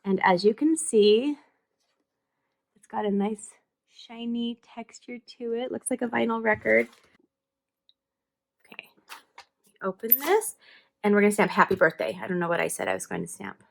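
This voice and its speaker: A woman's voice: fairly high pitch, moderate pace, creaky, long pauses. A middle-aged woman hosting a casual craft tutorial, chatty and upbeat, thinking aloud as she works.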